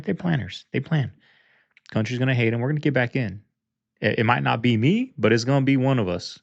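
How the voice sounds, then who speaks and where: A man with a gravelly voice makes casual political points in emphatic, clipped phrases. The sound is dry and a bit dull. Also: medium pitch, no room sound. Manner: emphatic short phrases, repeats "right?".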